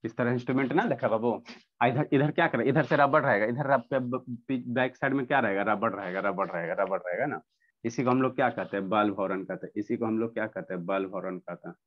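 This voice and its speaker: A man's voice: mid-range voice, fast. Man teaching an online class, repeating himself. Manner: repetitive question-and-answer teaching. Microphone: video call. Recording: dull lo-fi online class audio.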